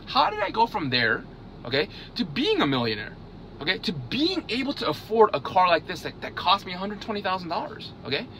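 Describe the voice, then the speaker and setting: A man's voice: sits high, wildly swooping pitch, fairly quick, sharp tone, a little hiss or hum. A man in his thirties, raised in Hungary, talking casually to camera and checking in with "okay?" after nearly every point. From South Korea, raised in Hungary. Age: 30s. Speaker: vlogger on investing. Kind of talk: casual direct-to-camera talk.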